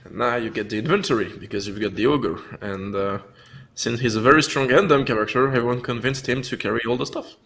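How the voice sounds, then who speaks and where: A man's voice: mid-range voice, fast talker, few pauses, a bit bright. A man chatting on a livestream as a game developer, explaining in a conversational way. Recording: faint background noise, game sound behind.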